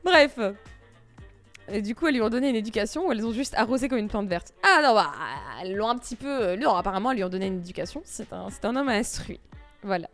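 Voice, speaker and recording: A woman's voice: a little high, fast, faint music behind. A woman streamer retelling a myth casually, full of slang and jokey asides. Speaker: streamer storyteller.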